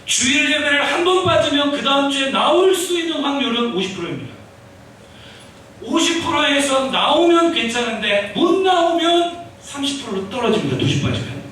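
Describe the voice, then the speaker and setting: A male pastor giving an animated sermon, acting out dialogues and leading the congregation in repeating phrases. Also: very high-pitched, normal speed, slight background noise. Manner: animated, acts out dialogues with the Lord, calls for repeat-after-me. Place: church sanctuary. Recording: echoey church hall from far off.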